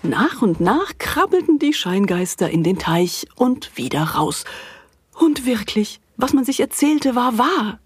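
Kids' audio story narrator: woman, husky voice, very lively delivery, dry close sound. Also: a little high, a little slow, no room sound. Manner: playful, animated storyteller. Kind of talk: expressive children's story narration.

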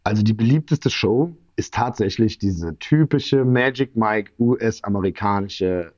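A man's voice: fairly low pitch, measured pace. Man telling stories, lo-fi sound. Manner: lively anecdotes, acting out both sides of phone calls. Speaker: interview guest, former stripper and agency owner. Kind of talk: casual storytelling in an interview. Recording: dull lo-fi sound.

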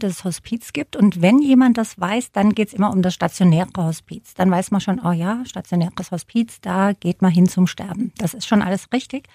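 A woman's voice: medium pitch, mellow, no room sound. A woman being interviewed in a studio, explaining things earnestly with plain everyday examples. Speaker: interview guest, hospice service coordinator. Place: radio studio.

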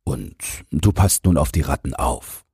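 A man voicing a kindly older man carrying a basket of rabbit feed, gentle and coaxing. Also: a bass voice, animated, a little slow, gravelly, breathy edge, no room sound, studio quality, exaggerated voice. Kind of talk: audiobook character voice.

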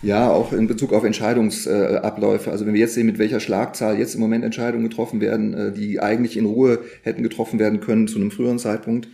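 A man from the Rhineland, speaking as an interview guest in a relaxed, chatty way with many filler sounds. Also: lowish voice, fast, gravelly, few pauses. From Rhineland, Germany. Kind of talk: conversational interview answer.

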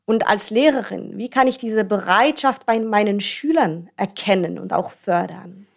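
A woman's voice: mid-range voice, a little slow, gravelly. A woman hosting a podcast, explaining things directly to her listeners. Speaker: podcast host.

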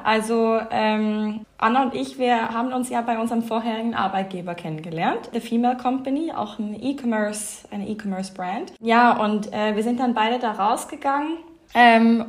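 A Swiss woman in her thirties, co-founder of a fashion label, chats as a guest on a casual podcast interview with a Swiss accent. She uses many fillers and laughs often, speaking at a moderate pace in a voice on the high side.

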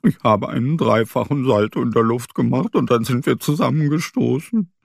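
A man's voice: mid-range voice, moderate pace, creaky, no echo, clean studio sound, pitched above the performer's own voice. A man voicing a whining, injured young male swift in a children's story. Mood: jammernd. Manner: jammernd. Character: junger verletzter Mauersegler, männlich, jammernd.

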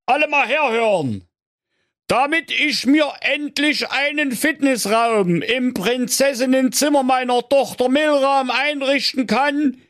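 Man doing a gruff Saxon king, crude and blustering, swoops wildly. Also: a little high, very animated, a little slow, a bit bright, no room sound, clean studio sound, pitched above the performer's own voice. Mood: grumbling. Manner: coarse and blustering.

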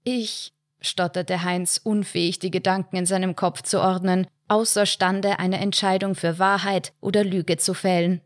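A woman's voice: lowish voice, flat delivery, no echo, clean studio sound. Woman narrating a short story. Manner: measured, storytelling. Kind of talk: audiobook short story reading.

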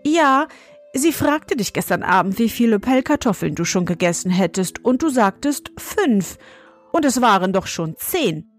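In a storybook reading, a woman gives voice to a small, stern, grey old forest gnome, using a thin, fine voice with a scolding, proud manner. Her delivery sits on the high side, sing-song and at normal speed, over soft background music.

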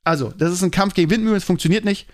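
A man's voice: high-pitched, racing. A man hosting his own podcast, talking casually to his listeners and rambling with lots of fillers and tag questions. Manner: rambling, many fillers and "ne?" tags. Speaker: podcast host and teacher.

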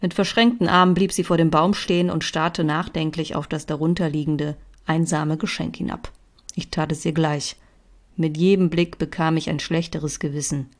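A woman's voice: deep voice, steady tone, normal speed. A woman author reading her own first-person story aloud.

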